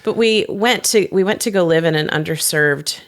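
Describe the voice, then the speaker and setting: A woman in her forties, a pastor, telling stories in a relaxed podcast conversation with lively asides. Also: on the low side. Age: 40s. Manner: lively storyteller, quick laughs, animated asides.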